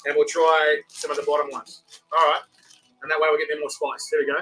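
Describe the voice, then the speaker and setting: A man's voice: fairly high pitch, level tone, fast, sharp tone, low-quality recording. A man with a New Zealand accent hosting a casual live review, rambling and repeating himself. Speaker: food review host.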